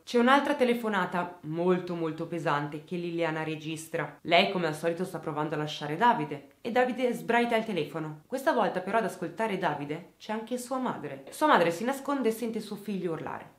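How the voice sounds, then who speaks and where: A woman's voice: fairly low pitch, roomy sound. A woman narrating a true crime case in a grave, scripted manner.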